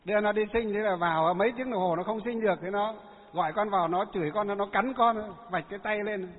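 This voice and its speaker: A fretful young husband pleads his case in a rush, as a monk puts him on during a sermon. His voice sits high and a little husky. It is heard over a tinny, phone-like line with a long hall echo. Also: fairly quick. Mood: aggrieved.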